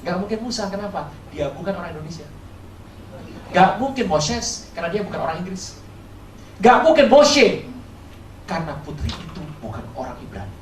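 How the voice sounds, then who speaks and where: A man's voice: sits high, very animated, normal speed, long pauses, a little hiss or hum. Man preaching in an echoey hall. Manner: rhetorical questions to the audience, playful storytelling. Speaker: pastor. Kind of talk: lively sermon to a congregation. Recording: roomy, distant hall recording with faint ambience.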